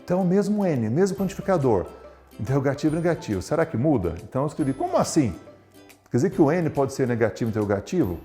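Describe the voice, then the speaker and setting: A man teaching an English lesson, explaining lively and asking himself rhetorical questions as he goes. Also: medium pitch. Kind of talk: recorded English lesson for students.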